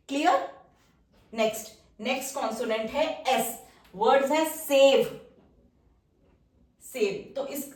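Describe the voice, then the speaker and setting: Heard from afar in an echoey, roomy classroom-like space, a woman with a slightly high voice teaches a shorthand lesson at a whiteboard. She draws with a marker and patiently checks often that her students are following.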